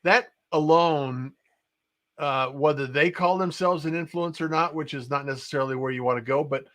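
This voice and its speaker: A man hosting a casual conversation in short, measured phrases with hesitant pauses. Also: on the high side, a bit bright. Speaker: show host.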